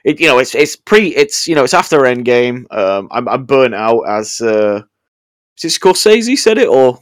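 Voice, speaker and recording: A man's voice: mid-range voice, normal speed, no echo, clean studio sound. A man co-hosting a casual chat, swearing often and restarting his sentences. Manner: sweary, animated, stammering restarts. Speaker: podcast co-host.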